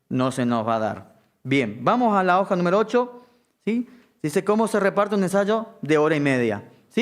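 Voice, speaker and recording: A man in middle age lectures on directing a band. His voice sits a bit high for a man. He talks in a live classroom way, tossing in quick checks that everyone is with him. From Argentina. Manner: keeps checking understanding with a quick "¿sí?". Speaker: music director teaching a course.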